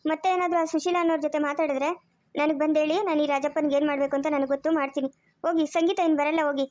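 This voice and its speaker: A woman's voice: sits high, steady tone, very fast, a little mellow, natural voice. A woman, playing a stern police officer who gives commands in an amateur family drama.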